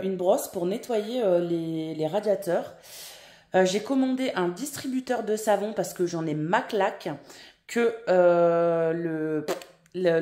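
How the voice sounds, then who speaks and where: A woman's voice: lowish voice, mellow. A woman vlogging at home in casual chat, rambling with many fillers and restarts. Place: at home, indoors. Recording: echoey room.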